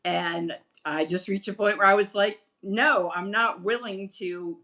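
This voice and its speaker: Middle-aged lady talking straight, bright sharp tone, laughs easy. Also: mid-range voice, fairly even intonation, unhurried. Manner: candid, frank, laughs easily. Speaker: guest. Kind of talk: casual conversation.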